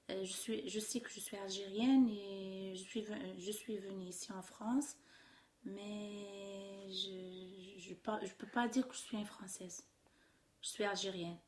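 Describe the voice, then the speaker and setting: A middle-aged woman from Algeria, answering interview questions haltingly, with many restarts and trailing off softly. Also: mid-range voice, fairly even intonation. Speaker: interviewee, immigrant mother. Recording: echoey room with faint noise.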